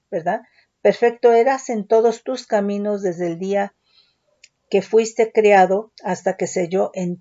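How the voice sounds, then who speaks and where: A woman teaches a Bible study, explaining word meanings step by step and checking in with listeners by often asking "¿sí?" and "¿verdad?". Her medium-pitched voice is mellow with vocal fry, heard in a dull lo-fi recording.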